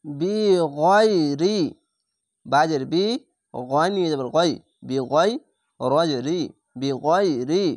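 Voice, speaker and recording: A man teaching a Quran reading class, spelling each word syllable by syllable and then reciting it slowly and drawn out. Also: a little high, no room sound, clean studio sound.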